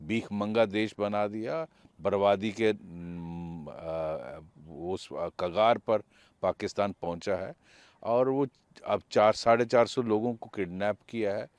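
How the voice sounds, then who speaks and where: Male commentator, low and blunt, dry close sound. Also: takes it slowly, clean tone, dry recording. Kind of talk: news commentary.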